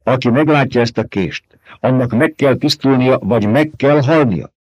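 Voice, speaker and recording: A man's voice: medium pitch, a little mellow, breathy edge, dry recording, muffled recording, close to an everyday voice. A man voicing a devout, fervent desert-dwelling housekeeper woman in an audiobook.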